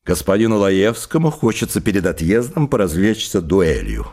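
A cool, sardonic gentleman, as a male reader voices him in an audiobook. He sounds calm and measured, keeping his composure. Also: deep voice, exaggerated voice. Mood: cool sarcasm.

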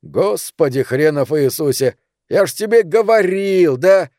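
Male narrator doing a higher-pitched, scolding, profane buddy, impatient, mellow tone, dry sound. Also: lively intonation, a little slow, no echo. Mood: exasperated. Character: blunt cowardly male friend, exasperated and profane.

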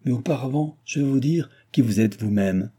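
A man voicing a calm, disdainful, mysterious male stranger in an audiobook, with a husky voice and a proud, defiant, commanding manner. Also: medium pitch, moderate pace, pitched above the performer's own voice, close to an everyday voice. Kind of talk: audiobook reading.

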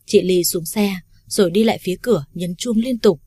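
A woman reading a first-person romance story aloud in a steady, plain manner. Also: medium pitch, a little fast, breathy edge, dry recording. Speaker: story reader. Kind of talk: first-person audiobook narration.

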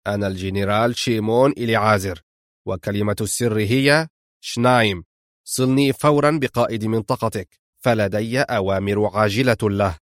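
A man reading an audiobook, voicing an agitated army general who shouts urgent orders. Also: lowish voice, fairly even intonation, normal speed, no room sound, studio quality, natural voice.

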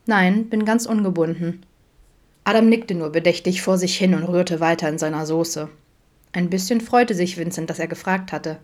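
A woman reading a fan fiction audiobook aloud in a calm, even storytelling manner. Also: fairly low pitch, moderate pace. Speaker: audiobook reader.

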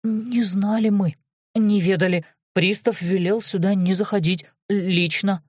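A woman voicing a timid, frightened male provincial guard in an audiobook, pleading and wailing slowly. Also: mid-range voice, fairly even intonation, a little mellow, no echo, clean studio sound, lightly acted. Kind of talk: audiobook character voice.

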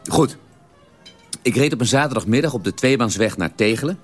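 A man in a radio drama telling a long, detailed story at the dinner table in a measured, drily precise way. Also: mid-range voice, animated, faint music behind, close to an everyday voice. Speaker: character telling an anecdote at a family dinner.

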